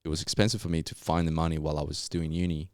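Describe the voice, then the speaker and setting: This podcast guest is a young adult Colombian geologist who speaks Spanish natively and tells his story with relaxed, Australian-flavored slang. He talks rapid-fire in an extremely low, flat voice, recorded dry and clean in a studio.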